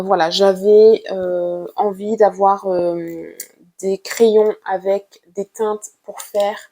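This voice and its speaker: A woman art vlogger casually shows off her drawing supplies in a mid-range voice, speaking slowly, gently and hesitantly with frequent "euh" fillers.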